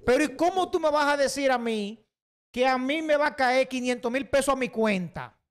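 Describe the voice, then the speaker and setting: A man's voice: very high voice, animated, moderate pace, clean tone. A man with a Dominican accent giving heated, emphatic opinion commentary, often repeating himself. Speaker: online commentator.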